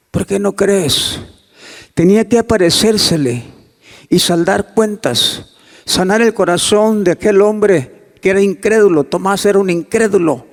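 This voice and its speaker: A male pastor preaching a sermon, swinging from soft near-whispers to loud emphatic climbs and acting out dialogue in a hushed voice. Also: sits high, big-room sound. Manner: acts out quoted dialogue in a hushed voice.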